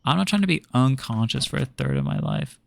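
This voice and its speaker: A man's voice: medium pitch, wildly swooping pitch, a little fast, creaky, no echo. A young man streaming a game, chatting casually with viewers in a laid-back, rambling way full of fillers and restarts. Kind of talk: casual chat while gaming.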